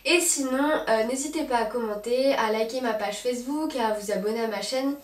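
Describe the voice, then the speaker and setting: A woman's voice: on the high side, fairly quick. A woman vlogger chatting casually through a dog box unboxing, hesitant, with many fillers and restarts. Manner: speaks affectionately to her dog. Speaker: pet vlogger reviewing a dog subscription box. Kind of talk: casual unboxing chat to camera. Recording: roomy echo, mic at a distance, faint noise.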